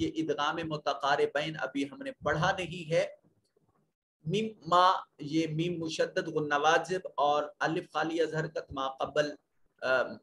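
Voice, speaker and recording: Guy explaining quran reading rules bit by bit, kinda higher voice, faint background noise. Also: a bit bright. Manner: slow, methodical, explains each letter rule step by step. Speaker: Quran recitation teacher. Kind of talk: tajweed lesson explaining rules.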